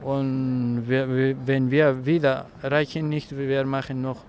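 A man from Afghanistan, a protester speaking in halting, broken German with many pauses. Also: mid-range voice, flat delivery, a little mellow. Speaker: asylum-seeking protester. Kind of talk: street interview. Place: outdoors in a city street. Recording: faint traffic noise outdoors.

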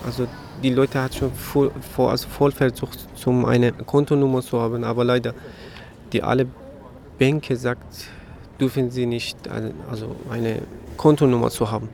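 A man's voice: mid-range voice, steady tone, moderate pace, creaky, a little mellow. A man, a protester speaking broken German and often starting with "also". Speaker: asylum-seeking protester. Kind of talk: street interview. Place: outdoors in a city street. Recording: faint traffic noise outdoors.

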